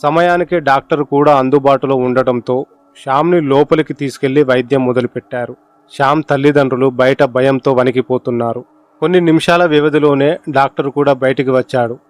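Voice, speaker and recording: A man narrating a horror story in an expressive, dramatic storytelling manner. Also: mid-range voice, fairly quick, no room sound. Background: faint music.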